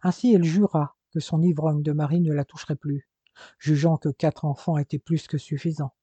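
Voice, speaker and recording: A man reading a dramatic novel aloud in measured, scripted narration. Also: on the high side, steady tone, warm tone, breathy edge, dry recording. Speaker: audiobook narrator. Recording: dull, dry lo-fi recording.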